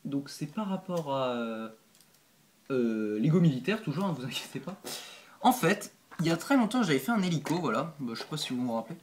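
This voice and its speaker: A man's voice: on the high side, sing-song, fairly quick, a little hiss or hum. Chatty hesitant man showing his models. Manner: hesitant and chatty, frequent 'euh', 'hop' and 'voilà' while handling pieces; self-deprecating asides and apologies. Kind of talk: casual show-and-tell vlog.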